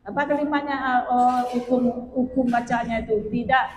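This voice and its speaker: A woman's voice: on the high side, steady tone, normal speed, darkish tone, echoey room, long reverb tail, a little hiss or hum, low-quality recording. A woman teaching Quran recitation rules, chanting verses and patiently correcting common reading mistakes. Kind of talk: tajwid lesson with sung recitation.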